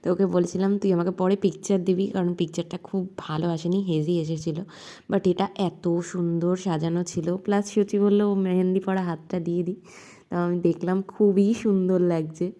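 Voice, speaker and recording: Dark-voiced young woman narrating a vlog. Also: on the low side, flat delivery, moderate pace. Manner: chatty, mixes in English words. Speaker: vlogger narrating her friend's wedding. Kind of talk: casual voice-over narration.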